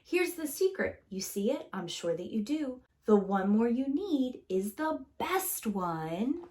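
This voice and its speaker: Reading a picture book to children the way a preschool teacher would, this woman is theatrical, expressive and sing-song. Her pitch sits fairly high, and her pace is slow.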